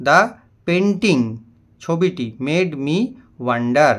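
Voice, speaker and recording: Slightly high-voiced teacher explaining words. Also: male voice, animated, a bit bright. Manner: slow, deliberate reading of English example sentences; patient, repeats words and spells them letter by letter. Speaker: English teacher. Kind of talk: classroom lesson explaining vocabulary.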